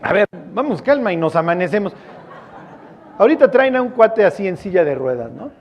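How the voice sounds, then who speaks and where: Mexican man, pastor, casual joking sermon, fairly high voice, slangy storytelling. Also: very animated, brisk, dull audio.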